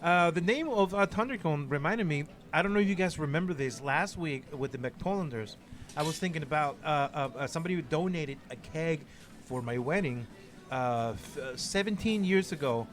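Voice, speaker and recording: A man's voice: fairly high pitch, animated, normal speed. A man hosting a casual podcast chat, rambling and searching for words with lots of fillers. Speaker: podcast host.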